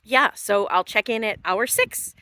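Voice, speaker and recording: This trail-race vlogger keeps up chatty outdoor check-ins, musing aloud on the move in a bright, forceful mid-range voice. She speaks unhurriedly. The audio is a noisy handheld outdoor capture with some clicks.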